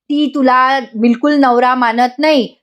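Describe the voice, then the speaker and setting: A woman's voice: sits high, fairly even intonation, slow pace. Stern angry older man , read by a woman, scolding. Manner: shouting, stern.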